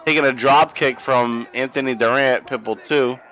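A young man co-hosts a podcast where he watches old wrestling, giving casual, profane watch-along commentary and laughing a lot. His mid-range voice is steady and fairly bright at a normal speed, captured in a low-quality recording.

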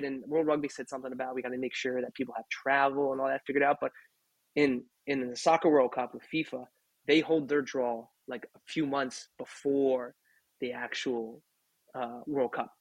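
A man hosts a casual sports podcast about rugby, chatting and often tossing out rhetorical questions ending in "right?". His voice is mid-range, and the recording is rough but has no echo.

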